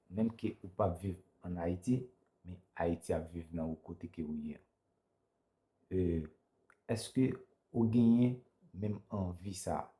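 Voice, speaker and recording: Deep, slow-talking male interviewer. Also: mellow. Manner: halting, loosely phrased questions. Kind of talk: casual interview questions.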